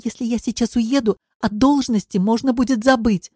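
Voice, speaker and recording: A woman's voice: fairly high pitch, fairly even intonation, normal speed, warm tone, husky, no echo, studio quality, voice pushed up. A woman reading the part of a frustrated wife near forty in an audiobook, insistent and pleading. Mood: upset.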